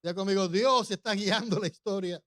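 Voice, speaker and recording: A man's voice: high-pitched, normal speed, a bit bright, dry recording, studio quality. A male pastor preaching a humorous sermon, often putting questions to the congregation.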